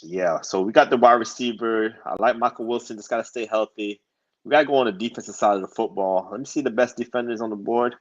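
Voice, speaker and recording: A man with a fairly low voice co-hosts a draft show, talking fast but in a laid-back, hesitant way as he thinks aloud about his picks in a casual mock draft chat. The audio sounds dull.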